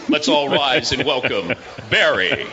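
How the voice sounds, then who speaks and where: A man working as a ballpark announcer, heard over a stadium PA system, booming and stretching out the names in a drawn-out player introduction. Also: sing-song, a crowd in the background. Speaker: ballpark public address announcer. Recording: dull played-back PA clip.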